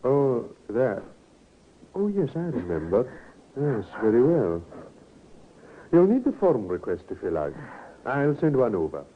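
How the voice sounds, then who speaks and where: An actor playing a brisk, matter-of-fact doctor with an offhand, businesslike manner, in old-time radio style on a tinny, hissy recording. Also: male voice, mid-range voice, big pitch swings.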